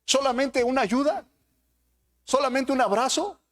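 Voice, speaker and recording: High-voiced man preaching a sermon. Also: a little slow, fairly bright tone. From Mexico. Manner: preaching with rhetorical questions to the congregation.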